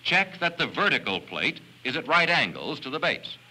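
A man giving steady step-by-step directions as the scripted narrator of an educational film. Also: a little high, normal speed. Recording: noisy old film soundtrack.

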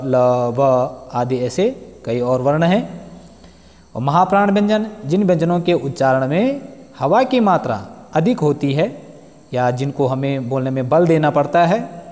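Slow, deliberate male grammar teacher. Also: fairly high pitch, a little mellow, in a large hall. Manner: slow, drawn-out recital of letters and sounds. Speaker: school teacher. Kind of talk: grammar lesson explaining answers to students.

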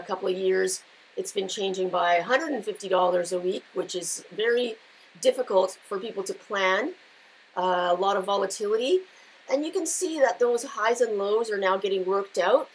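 A middle-aged woman with a growly, gravelly voice, giving unscripted market commentary in an explanatory, halting way with pauses. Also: mid-range voice, rough recording. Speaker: market analyst and host. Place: indoors, seated before a patterned backdrop.

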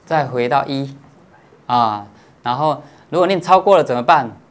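With a medium-pitched, expressive voice, this male monastic teacher delivers a patient, explanatory Buddhist dharma talk. He frequently pauses on stretched-out filler particles and makes sure his audience understands.

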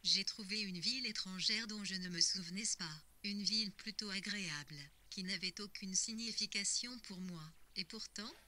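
Brief: audiobook character, woman reading a fragile, weary man, quiet and subdued, bright tone. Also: medium pitch, moderate pace, hardly any pauses.

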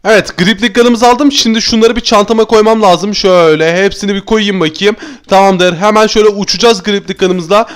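A man doing Minecraft gameplay commentary as a YouTuber, excitable and chatty, talking to his viewers as friends. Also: high voice, fairly quick, few pauses, clean tone. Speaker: gaming YouTuber.

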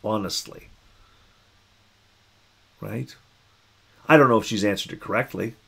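A pastor speaking in a musing, conversational way, reflecting on a Bible passage and acting out the voices in it. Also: male voice, lowish voice, measured pace, vocal fry, fairly bright tone, breathy edge.

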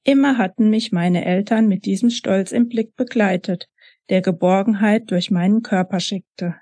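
A woman author reading her own first-person novel aloud in a soft, emotional way. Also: mid-range voice, moderate pace, no room sound.

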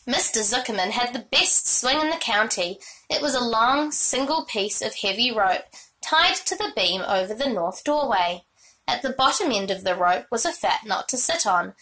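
A woman reading a children's book aloud with expressive storytelling. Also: fairly high pitch, normal speed, low-quality recording. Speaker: reader.

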